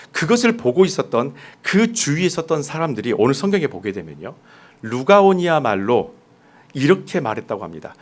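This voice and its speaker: A male pastor delivers a sermon in a lively, swooping voice that sits a little high for a man. He speaks to his congregation in a conversational way, often asking them direct questions. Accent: mostly standard Seoul Korean, dialect suppressed. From Jeolla, South Korea.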